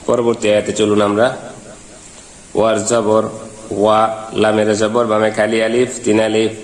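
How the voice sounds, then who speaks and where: A man teaching Quran reading. He spells out letters and vowel marks one at a time, then chants each verse in slow, drawn-out syllables. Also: lowish voice, monotone, reverberant. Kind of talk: step-by-step recitation lesson.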